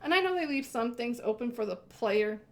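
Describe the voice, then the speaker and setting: A woman's voice: fairly high pitch, lively intonation, normal speed, a crowd in the background. Rambling woman hosting a casual game chat. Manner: rambling, many fillers and restarts. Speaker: host.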